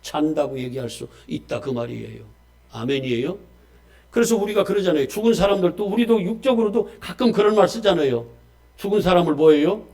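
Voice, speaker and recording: A male pastor preaching a Sunday sermon, swinging between loud emphasis and quiet asides and calling on the congregation for amens. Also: high-pitched, fairly quick. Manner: asks the congregation questions and calls for amens.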